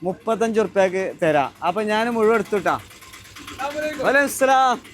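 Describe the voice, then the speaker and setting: A man, hosting a casual vlog outdoors at a roadside stall and gently teasing children with questions. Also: sits high, expressive, normal speed, slight background noise. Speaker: vlogger host.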